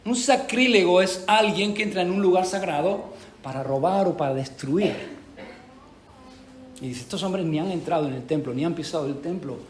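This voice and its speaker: A man preaching a sermon in church, animated, with rhetorical questions and emphatic repetition. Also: sits high, moderate pace, a little hiss or hum. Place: church hall. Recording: echoey church hall.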